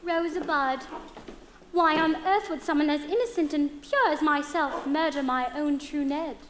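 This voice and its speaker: A woman's voice: sits high, moderate pace, a little hiss or hum, lightly acted. An actress playing a cheeky, sweet young woman on a theatre stage, projecting playfully to the audience. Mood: coy. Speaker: stage actress in a music hall murder mystery. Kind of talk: live theatrical performance.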